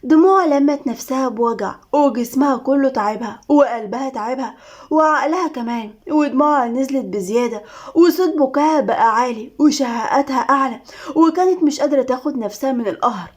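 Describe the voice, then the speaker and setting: A woman with an Egyptian Arabic accent reading a serialized story aloud in a fast, expressive way. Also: high-pitched.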